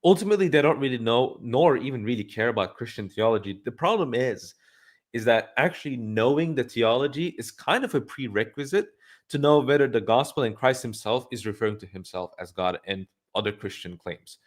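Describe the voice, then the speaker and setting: A man's voice: mid-range voice, expressive, brisk. A man hosting a livestream, giving blunt, opinionated commentary and thinking aloud with frequent restarts. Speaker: livestream host.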